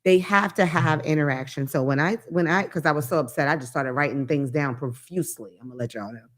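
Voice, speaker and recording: A woman's voice: sits low, fast. Blunt, profane woman host. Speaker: podcast host. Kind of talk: casual monologue.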